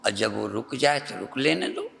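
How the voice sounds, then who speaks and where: A male spiritual teacher from North India giving a slow, repetitive meditative discourse that guides the listener's mind. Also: mid-range voice, expressive, creaky, a bit bright, big-room sound. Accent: Hindi, North Indian.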